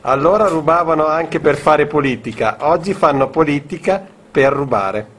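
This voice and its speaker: A man's voice: on the high side, normal speed, a bit bright, a little hiss or hum. A man giving comic one-liners and announcements as a radio contributor.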